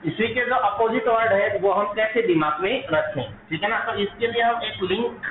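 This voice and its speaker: A man teaching an exam-prep vocabulary lesson, repeating each word and quizzing his students with quick questions. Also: high voice, background noise. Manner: repetitive, drills words with quiz-like questions. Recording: echoey room over a tinny phone-like line.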